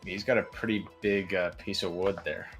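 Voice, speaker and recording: A man's voice: deep voice, steady tone, moderate pace, a bit bright, faint music behind. A man from New Jersey in casual chat, hesitant with many fillers, laughing easily. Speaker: co-host.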